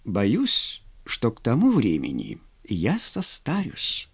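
A man's voice: lowish voice, wildly swooping pitch, slow pace, vocal fry, breathy edge, voice pushed down, exaggerated voice. A man reading a story, voicing a young married woman who mocks her suitor in a languid, teasing way. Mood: coolly mocking. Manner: languid, mocking.

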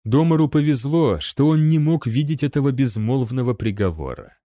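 A man narrating an audiobook in an even, measured storytelling manner. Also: medium pitch, no echo, studio quality. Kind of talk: scripted narration.

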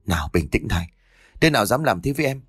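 A man doing a gruff, short-tempered young husband. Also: on the low side, big pitch swings, fast talker, dry recording, studio quality. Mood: angry. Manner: gruff, curt questions.

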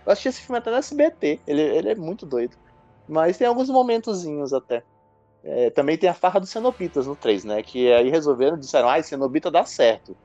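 A speaker with a Brazilian Portuguese accent co-hosting a casual podcast discussion in a chatty way, tossing in quick asides. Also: medium pitch, lively intonation, dark tone. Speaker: podcast co-host. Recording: dull lo-fi sound with faint music.

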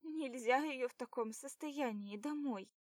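A woman voices an anxious young woman, pleading and whimpering, pitching her voice above her natural one. Her voice is high and darkish in tone at a measured pace, recorded cleanly in a studio with no echo.

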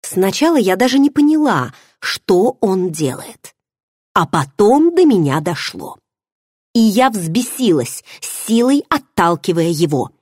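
A woman's voice: medium pitch, big pitch swings, a little slow, a little mellow, husky, dry recording, clean studio sound. A woman narrating an audiobook in the first person, telling the story expressively. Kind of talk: scripted narration.

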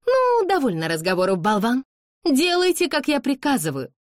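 A woman's voice: fairly high pitch, sing-song, unhurried, no echo, studio quality, pitched above the performer's own voice. A woman voicing a haughty, spoiled young society beauty who mocks and gives orders in an audiobook. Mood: commanding. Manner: imperious, mocking, commanding.

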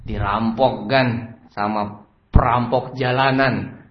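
A man voicing a lazy male servant who answers meekly and slowly, shrugging everything off as fate. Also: mid-range voice, fairly even intonation, natural voice. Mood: resigned. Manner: mumbling, slow, resigned. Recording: roomy, slightly dull recording with faint noise.

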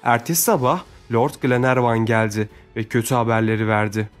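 Measured male audiobook narrator. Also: medium pitch, fairly even intonation, faint music behind.

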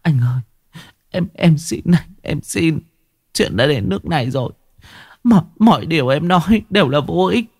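A man's voice: fairly high pitch, expressive, moderate pace, darkish tone, breathy edge, dry recording, clean studio sound, voice pushed up. A man voicing a pleading young woman, an unfaithful wife who stammers and sobs as she begs. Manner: stammering, begging. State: sobbing.

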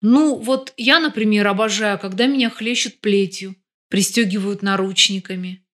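A brash young woman with a mocking, taunting edge, written into a crime audiobook, as a woman narrator puts her on. Her speech stays close to the reader's own mid-pitched voice, only lightly coloured. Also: moderate pace, fairly bright tone, lightly acted. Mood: sly. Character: bold scheming young woman, mocking and tough.

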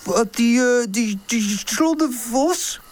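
A woman's voice: sits high, expressive, takes it slowly, pitched above the performer's own voice, heavily acted. A woman voicing a timid little male mole who stammers, in a children's storybook. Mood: scared. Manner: stammering with many uhs.

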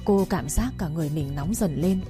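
A woman narrating a family story in a steady, even reading. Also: low-pitched, normal speed, music in the background.

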